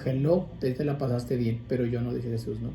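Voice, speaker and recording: A man's voice: medium pitch, fairly even intonation, brisk, creaky, warm tone, faint music behind. A male priest giving an informal, conversational sermon on prayer, often restarting and adding asides. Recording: echoey room with faint ambient noise.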